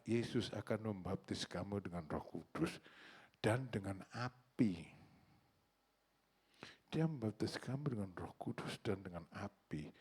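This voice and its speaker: A male pastor preaching a sermon, asking the congregation questions and acting out little dialogues. His delivery swings between loud exclamations and hushed prayer. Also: lowish voice, slightly rough.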